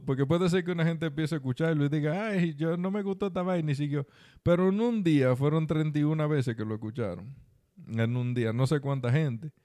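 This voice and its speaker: Smooth-voiced Dominican man chatting casually. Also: a little high, mellow, no room sound, studio quality. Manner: colloquial slang, repeats phrases for emphasis. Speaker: podcast co-host. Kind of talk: casual conversational chat with advice to listeners.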